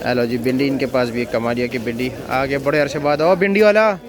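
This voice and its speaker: A man's voice: mid-range voice, brisk. A man with a Pakistani accent vlogging market prices, questioning vendors and repeating figures. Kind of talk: spoken market vlog with short vendor exchanges. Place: outdoor wholesale vegetable market. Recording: busy outdoor market crowd and birds. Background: crowd chatter, birdsong.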